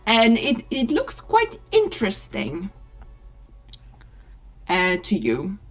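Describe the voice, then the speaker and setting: A woman running a tabletop game, explaining and narrating as game master in a halting way. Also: medium pitch, wildly swooping pitch.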